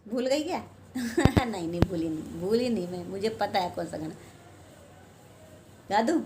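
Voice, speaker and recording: A woman's voice: medium pitch, lively intonation, fairly quick, very noisy. An older woman chatting casually to her vlog viewers, rambling and self-deprecating. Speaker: home vlogger. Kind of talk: casual chat to camera.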